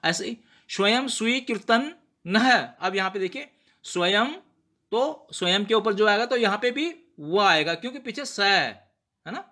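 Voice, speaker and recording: A man giving a patient pronunciation lesson, sounding out words slowly and checking in with rhetorical questions. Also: high voice, lively intonation, pushed and bright. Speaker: teacher of prayer pronunciation. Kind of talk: explanatory lesson.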